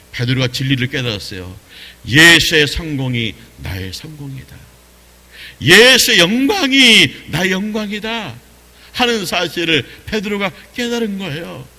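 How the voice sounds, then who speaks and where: A man preaches a Sunday sermon in a church sanctuary. His voice is bright and lively, full of rhetorical questions and repeated phrases. It moves from hushed low tones to raised emphasis, with a long reverb trailing behind. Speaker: pastor.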